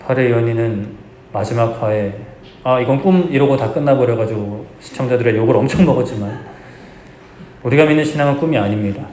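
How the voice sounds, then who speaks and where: A man's voice: mid-range voice, fairly quick, darkish tone. A male pastor delivers a Sunday sermon in an earnest, exhorting tone, often turning to the congregation with friendly asides. His voice sits in a middle register and rings around a roomy church sanctuary, with a faint hum underneath. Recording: echoey church hall, faint background hum.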